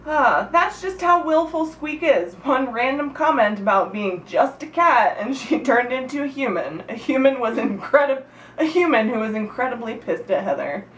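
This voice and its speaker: Reading a funny story aloud to her friends, a woman with a fairly high, very lively voice giggles, keeps things informal, stumbles over words, and stops to comment, all at a moderate pace. The recording is echoey, with background noise, and she sounds somewhat far from the mic.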